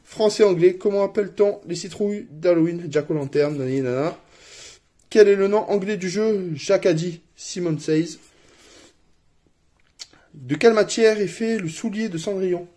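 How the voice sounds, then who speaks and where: Relaxed French man unboxing a game. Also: high voice, moderate pace. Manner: relaxed, laughs at his own English accent. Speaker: board game reviewer. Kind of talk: casual unboxing chat.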